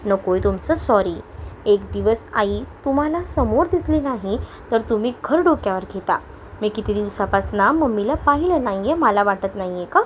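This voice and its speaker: A woman's voice: mid-range voice, expressive, moderate pace, slight background noise, close to an everyday voice. A woman voicing a moody, stubborn young wife in a read-aloud audio story, irritable and close to tears. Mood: sulky. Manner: sulky, irritable, tearful.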